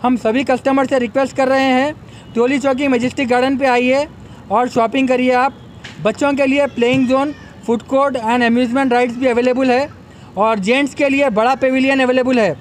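This young man, an event organizer, speaks into a bank of press microphones on a table at an outdoor expo, giving a promotional statement that keeps urging customers to come. The voice is extremely high with fairly even intonation at normal speed, and there's slight background noise.

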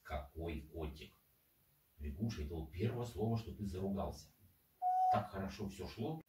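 A man's voice: low-pitched, lively intonation, moderate pace, mellow, slight background noise. A man chatting casually to his pet, in a teasing, coaxing manner. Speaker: parrot owner. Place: indoor room, off camera. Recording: echoey room, distant microphone.

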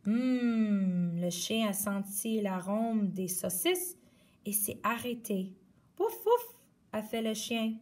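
A woman reading a children's picture book aloud slowly and expressively. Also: medium pitch, distant mic. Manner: slow, clear, expressive read-aloud. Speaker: storyteller.

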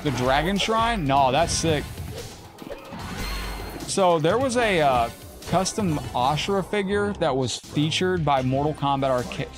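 Man, game streamer, excitable casual chat, slightly high pitch, faint background music. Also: measured pace. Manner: excitable, talks to chat and his cat.

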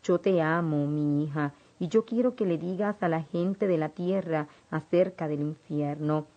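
Jesus, soft loving grown man, woman reading him in her own lowish voice, muffled lo-fi sound. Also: unhurried. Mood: tender. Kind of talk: scripted book reading. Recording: dull lo-fi recording.

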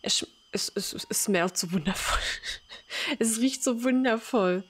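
A woman's voice: mid-range voice, measured pace, a little hiss or hum, natural voice. A woman voicing an elderly mother who is sweet, doting and forgetful, reading a game's dialogue aloud. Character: confused elderly mother, gentle then frightened.

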